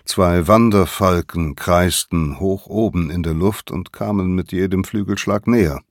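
A man narrating a children's adventure story in an expressive reading. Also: low voice, measured pace, dry recording, studio quality. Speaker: audiobook narrator.

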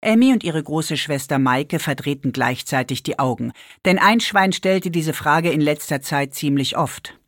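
A woman reads a children's story aloud in a low voice that rises and falls a great deal. Her narration is lively and expressive. The recording is dry and close, with no room sound. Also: measured pace, hardly any pauses, no echo.

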